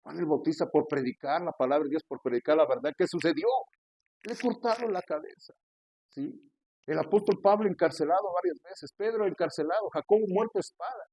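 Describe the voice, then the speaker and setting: A male pastor delivers an earnest sermon, calling his listeners brother as he preaches. His voice sits a little on the high side. The sound is close and dry, with no room around it. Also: brisk, darkish tone, no room sound.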